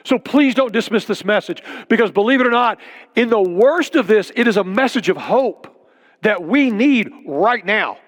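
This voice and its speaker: High-voiced man preaching in a reverberant hall. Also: expressive, moderate pace. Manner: earnest preaching with emphatic repetition. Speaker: pastor. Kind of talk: sermon.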